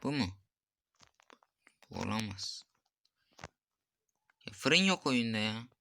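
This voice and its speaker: A man's voice: fairly low pitch, very animated, slow pace, gravelly, sharp tone. A young man playing a mobile cooking game, muttering to himself, reading recipe steps aloud and getting frustrated with the game. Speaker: gameplay streamer. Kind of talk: casual gameplay commentary.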